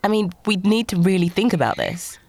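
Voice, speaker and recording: An actress playing a flustered, defensive, sharp-tongued woman who hopes to start a family, in an audio drama. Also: mid-range voice, animated, fairly quick, no room sound. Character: queer woman planning a baby, flustered, defensive. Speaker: actor.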